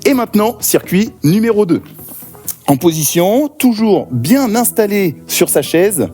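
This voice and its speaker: An energetic male fitness coach calls out punches and counts with lively swings in pitch. His tone is dark and mellow, and faint music plays behind him. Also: unhurried. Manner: energetic, encouraging counting and cues. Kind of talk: guided workout class.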